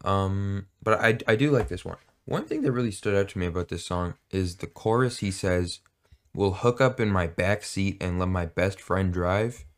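Low-voiced man rambling on a podcast. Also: expressive, moderate pace. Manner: rambling, hesitant, jokey. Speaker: podcast co-host. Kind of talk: casual chat.

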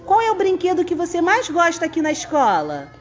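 A woman's voice: very high-pitched, wildly swooping pitch, a little fast. A woman, a preschool teacher coaxing small children in a school podcast interview. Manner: sing-song, coaxing, talks to small children.

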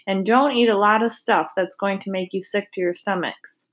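A woman voicing a calm, easygoing farm father in a children's storybook. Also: mid-range voice, moderate pace, lightly acted. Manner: calm, reasonable.

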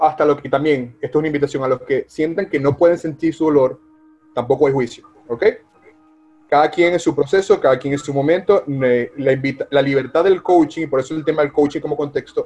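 A man's voice: fairly high pitch, quick pace, a little mellow, faint music behind. A man hosting a live online coaching talk over a video call, emphatic and speaking directly to listeners by name. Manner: emphatic, addresses listeners by name, frequent self-corrections.

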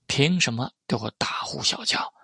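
A man's voice: mid-range voice, lively intonation, moderate pace, gravelly, sharp tone, breathy edge, dry recording, studio quality, full character voice. A man voicing a sly young male pop idol who talks in a nervous, placating way. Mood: flustered.

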